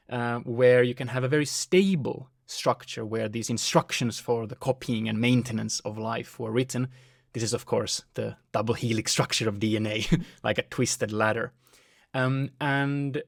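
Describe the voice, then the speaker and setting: Creaky-voiced man thinking aloud. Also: mid-range voice, no echo, studio quality. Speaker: interviewer. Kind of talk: conversational science interview.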